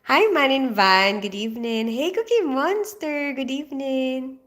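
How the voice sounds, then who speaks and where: A middle-aged woman from the Philippines hosting a casual livestream, reading viewer comments aloud and chatting with a quick laugh. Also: high-pitched, expressive, fairly bright tone. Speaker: livestream host.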